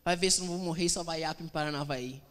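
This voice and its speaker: Preacher voicing jesus, blunt and commanding, bright firm tone, lots of church echo. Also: male voice, on the high side, racing, smooth, lightly acted.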